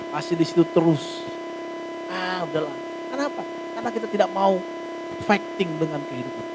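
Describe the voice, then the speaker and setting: A pastor preaching to his church in a high, bright voice, chatting and joking between points and acting out little everyday scenes. A steady electrical hum runs beneath the recording. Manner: lively conversational preaching, jokes and acted asides. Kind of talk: sermon. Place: church hall.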